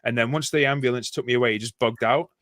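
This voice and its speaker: A man's voice: medium pitch, fast talker, a bit bright, dry recording. A man with a Yorkshire accent telling a long, rambling anecdote in casual chat, laughing and swearing often. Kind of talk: casual storytelling.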